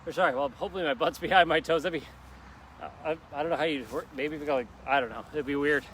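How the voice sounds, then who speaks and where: A man with a slightly high, fairly bright voice talks at a quick clip over a faint hiss or hum. He's a fitness instructor running a live workout in an outdoor park, cheering people on while doing the moves himself and joking about his own slip-ups.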